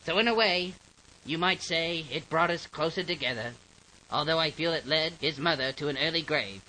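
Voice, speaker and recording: Solemn, bright-voiced older father. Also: a little high, moderate pace, low-quality recording. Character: solemn, older bereaved father, mock-grave. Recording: faint hiss.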